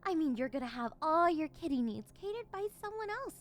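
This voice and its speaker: In an ASMR role-play, a woman voices a possessive, unhinged yandere villainess, cooing at and condescendingly teasing the captive she dominates. Her voice is high, sing-song and brisk, and her mood comes across as smug and domineering.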